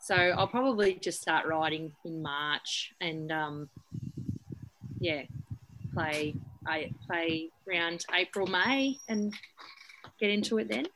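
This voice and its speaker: A woman in her thirties with an Australian accent, chatting as a guest about breeding horses and coaching, relaxed and full of fillers. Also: fairly low pitch, slow. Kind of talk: casual chat. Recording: noisy background.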